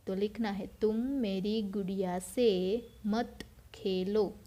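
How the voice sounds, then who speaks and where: Slow, mellow-voiced woman teacher. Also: mid-range voice, fairly even intonation. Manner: slow, patient, repeats words and asks then answers her own questions. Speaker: school teacher. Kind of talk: recorded Hindi grammar lesson for children.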